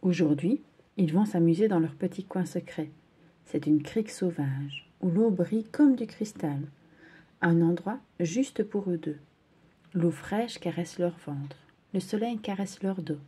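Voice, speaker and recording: Gentle expressive story reader, woman, mellow tone. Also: on the low side, measured pace, slightly rough. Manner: gentle, expressive read-aloud. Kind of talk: children's story reading.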